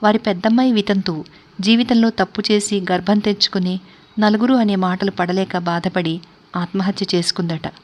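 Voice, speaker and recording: A bold young woman with a teasing, assured way of talking, spinning a ghost tale for her friends in a spoken storybook, as a woman narrator puts her on. She talks in an everyday voice at a middle pitch. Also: steady tone, moderate pace, close to an everyday voice.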